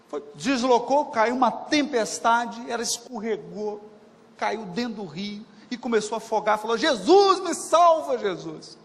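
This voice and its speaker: A man's voice: high voice, measured pace. A man giving a spiritist lecture to an audience, talking colloquially, repeating phrases for emphasis and putting questions to his listeners. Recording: reverberant lecture hall.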